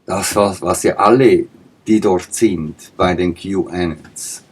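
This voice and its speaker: Slow, husky man lecturing. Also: deep voice, fairly even intonation. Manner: emphatic and insistent, with rhetorical questions and pointed repetitions. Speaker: political commentator. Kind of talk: spoken political monologue.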